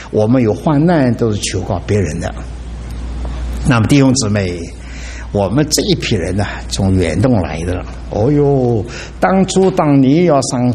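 A middle-aged man preaching a sermon as pastor, with dramatic exclamations and an animated delivery. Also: medium pitch, a little hiss or hum.

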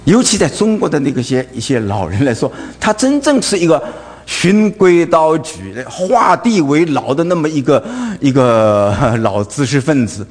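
Animated Wu-preacher man in a hall. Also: fairly high pitch, normal speed, breathy edge. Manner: rhetorical questions, frequent "right?" tags; stammering repeats of filler words. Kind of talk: sermon. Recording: long hall reverb.

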